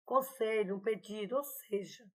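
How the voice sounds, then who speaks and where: A woman's voice: medium pitch, normal speed. A woman teaching a grammar lesson online, in a chatty, explanatory way that keeps checking in with her students. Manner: chatty, explanatory, often adding "né?" and "tá, gente?". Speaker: Portuguese teacher.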